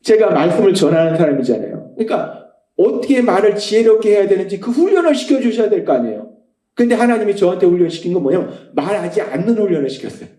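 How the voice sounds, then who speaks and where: Middle-aged man, pastor, preaching with emphatic passion, high lively pitch, mellow tone. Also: fast talker. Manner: emphatic, swings between rising passion and hushed quoting. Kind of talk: sermon. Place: church sanctuary. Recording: echoey church hall.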